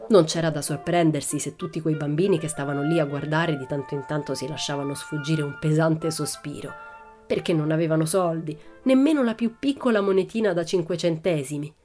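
Warm low-voiced woman narrating a story. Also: a little fast, faint music behind. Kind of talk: children's audiobook narration.

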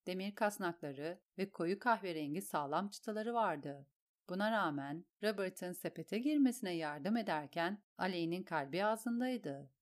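A woman narrating an audiobook with a steady, descriptive reading. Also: fairly low pitch, a little slow.

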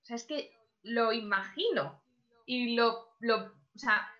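A woman's voice: on the high side, takes it slowly, lo-fi sound. A woman speaking as a guest in a casual podcast chat, chatty, with many fillers and frequent laughs.

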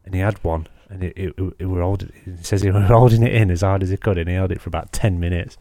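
A young man with a gravelly voice, chatting and telling anecdotes as a sweary podcast host. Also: low voice, steady tone, fast, warm tone, dry recording. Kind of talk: casual banter and anecdotes.

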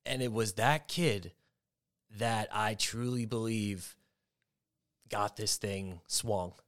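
A young adult man hosting a casual sports betting talk show, telling stories in an animated, excitable way. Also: lowish voice, takes it slowly, smooth. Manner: animated storyteller, excitable, mimics shouting. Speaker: host.

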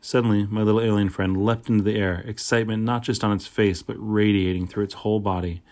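Man with a lowish voice narrating a children's book. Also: fast talker. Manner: steady, plain storytelling, first-person. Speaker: audiobook narrator.

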